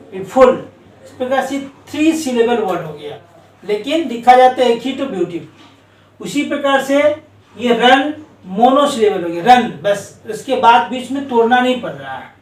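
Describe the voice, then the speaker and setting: A male teacher explaining English spelling rules to students, often asking them questions and spelling out letters slowly. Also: extremely high pitch. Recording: echoey room, voice from a distance.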